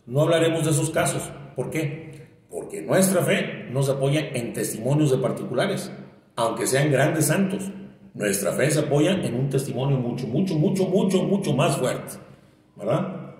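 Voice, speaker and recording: A man's voice: mid-range voice, animated, normal speed, darkish tone. A man giving a conversational sermon, asking his listener "¿verdad?" and acting out the quoted lines. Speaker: preacher. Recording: very echoey hall.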